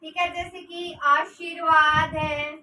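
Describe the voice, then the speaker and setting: A woman's voice: very high voice, flat delivery, slow, pushed and bright. A woman teaching a grammar lesson who asks rhetorical questions, answers them herself and dictates notes for her students to write down. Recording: roomy echo, distant mic, noisy.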